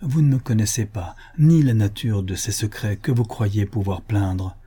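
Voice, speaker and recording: A man's voice: lowish voice, moderate pace, mellow, slightly rough. A man reading the part of a guilt-ridden young fiancé, urgent and tormented. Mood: anguished. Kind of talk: audiobook character reading.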